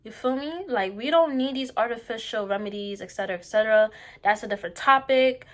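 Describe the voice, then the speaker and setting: High-voiced young woman giving emphatic, slangy opinions. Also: brisk. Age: young adult. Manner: eats between points during a mukbang. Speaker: vlogger. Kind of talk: casual opinion monologue to viewers while eating.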